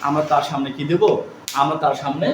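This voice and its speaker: A man's voice: fairly high pitch, fairly even intonation, fast. A man teaching English grammar, explaining step by step and asking and answering his own questions. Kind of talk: classroom lecture. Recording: echoey room with loud background noise.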